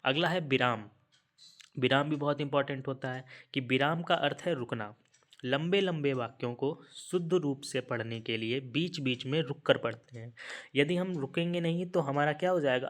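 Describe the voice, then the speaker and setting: A man teaching an exam-prep lesson in a mid-range voice, neither high nor low. He works through each point step by step, asking rhetorical questions and answering them. English terms slip into his explanations. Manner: sprinkles English terms into Hindi.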